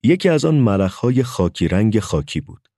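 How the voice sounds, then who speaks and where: A man's voice: lowish voice, big pitch swings, dark tone, no echo, clean studio sound. A man narrating a story as an audiobook, telling it expressively.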